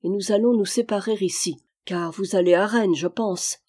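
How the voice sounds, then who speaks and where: A woman's voice: mid-range voice, moderate pace, a little mellow, lightly acted. Woman reading as an old devoted valet. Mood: earnest. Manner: earnest, devoted. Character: old faithful male Breton valet.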